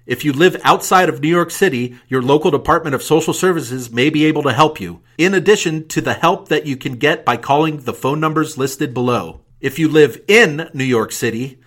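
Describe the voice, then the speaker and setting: A man's voice: fairly high pitch, normal speed, few pauses, fairly bright tone. A man reading a formal document aloud in a dictating manner, voicing punctuation marks and spelling out letters. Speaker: reader of a government document for audio. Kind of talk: scripted document read-aloud.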